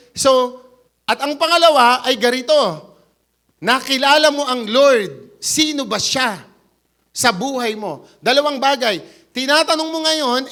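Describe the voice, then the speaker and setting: Animated Batangas-accented man preaching a sermon. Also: very high voice. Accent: Batangas Tagalog. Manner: animated, acts out quoted voices, mixes English in. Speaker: pastor. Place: church.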